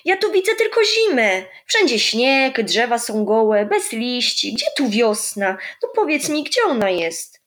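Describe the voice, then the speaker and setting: A sleepy, grumbling little boy, as a woman storyteller puts him on, whining and doubting in a high, swooping voice. Storybook read-aloud, full of playful complaint. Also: very animated, a little slow, few pauses, a bit bright. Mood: whiny. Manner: whiny, doubting.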